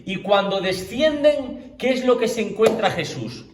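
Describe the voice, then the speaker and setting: High-voiced man teaching a Bible class, echoey. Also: animated, a little slow, background noise. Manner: conversational, asks the class questions, many filler checks. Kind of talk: informal Bible class, talking to a group. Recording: echoey room, distant mic.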